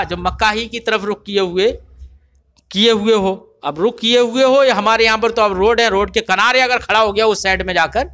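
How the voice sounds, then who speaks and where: Delivering a grammar lecture, this male religious teacher speaks in a high, bright, forceful voice. He frequently asks his class if they've understood, explaining and checking comprehension over and over.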